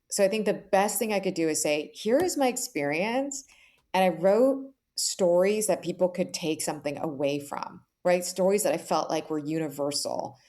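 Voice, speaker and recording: A warm, lowish female voice belongs to an author guesting on an interview. She reflects earnestly and explains conversationally, with plenty of "like" and checking in by asking "right?".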